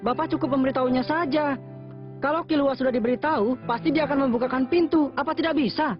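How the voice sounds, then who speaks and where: Performer as a high, earnest stubborn boy, lo-fi fan dub with music under it. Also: quick pace, lightly acted. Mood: insistent. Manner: earnest, insistent. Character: young boy, stubborn and cheerful. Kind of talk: amateur anime fan dub. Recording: lo-fi with background music.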